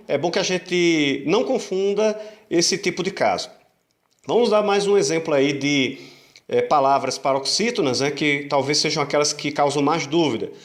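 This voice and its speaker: His voice on the high side, a man who teaches Portuguese gives a grammar lesson over the internet. Rules get repeated patiently, rhetorical questions come up, and he lengthens syllables slowly to make the stress clear.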